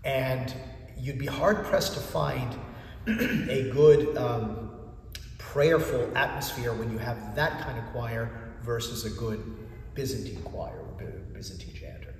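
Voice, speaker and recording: A Greek-speaking church chanter in his fifties, based in the United States, answers interview questions with animated stories, acting out dialogue in a raised voice. His pitch is medium and he takes it slowly. A distant camera picks him up in a large, echoey church, with a little hiss or hum.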